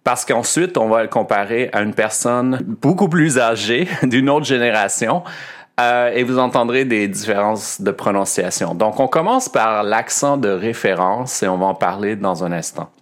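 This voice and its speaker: A man's voice: on the low side, moderate pace. A man hosting a French pronunciation lesson podcast, explaining patiently and repeating words to demonstrate their sounds. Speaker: French teacher and podcast host.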